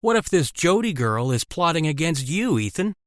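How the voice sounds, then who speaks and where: A man voicing a sarcastic, taunting villainous captor in an animated story. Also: fairly high pitch, normal speed, dry recording, studio quality, voice pushed up. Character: sneering villainous middle-aged male captor.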